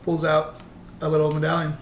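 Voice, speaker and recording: A man's voice: fairly high pitch, completely flat delivery, brisk. A man playing a tabletop role-playing game, speaking tersely and conspiratorially in character. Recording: echoey room with faint noise.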